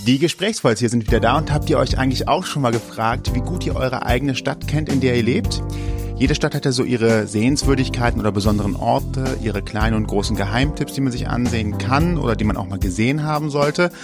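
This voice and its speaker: A man's voice: mid-range voice, fairly quick, over music. A man hosting a casual podcast interview, chatty and laughing often. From Cologne area. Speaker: podcast host.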